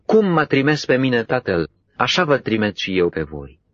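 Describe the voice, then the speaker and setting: A man voicing a gentle, solemn teacher in a scripture reading, speaking low, soft and measured. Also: sing-song, dry recording, muffled recording.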